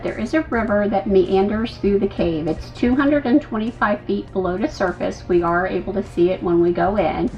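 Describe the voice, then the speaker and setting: Woman, travel vlogger. Chatty, informative narration aimed at the audience, average pitch, faint music underneath. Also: moderate pace, hardly any pauses, darkish tone, highs cut off. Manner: conversational, explanatory, addresses viewers directly. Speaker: travel vlog host.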